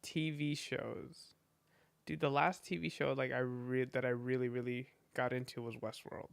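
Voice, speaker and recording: A man's voice: medium pitch, flat delivery, moderate pace, vocal fry, smooth, dry recording. A man hosting a casual podcast chat, laid-back and laughing often, full of fillers. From Philippines. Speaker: podcast host.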